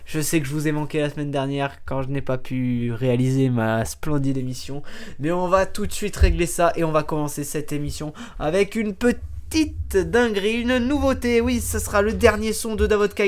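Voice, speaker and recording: A young man hosting a casual radio show, excited and chatty, with plenty of hesitations as he talks to listeners. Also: high-pitched, normal speed. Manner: energetic and chatty, with frequent fillers. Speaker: radio host.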